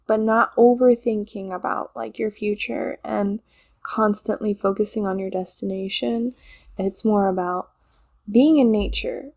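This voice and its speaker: A woman's voice: on the high side, gravelly, darkish tone. A woman giving a casual channeled tarot reading, chatty and rambling, laughing often and repeating herself. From Poland. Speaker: tarot reader.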